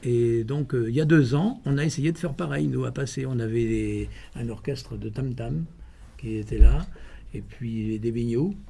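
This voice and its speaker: A man with a mellow, husky voice and some gravel in it, answering informally in an interview. He tells his stories with halting starts and repeated words. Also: medium pitch. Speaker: president of a running club, interviewee.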